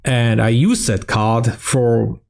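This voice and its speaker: A young man from South Tyrol, Italy, with a German accent speaks at a slow pace in a medium-pitched, gravelly, somewhat dark voice, with faint music in the background. He's a streamer casually answering fan questions in a Q&A vlog, swearing and laughing between his replies.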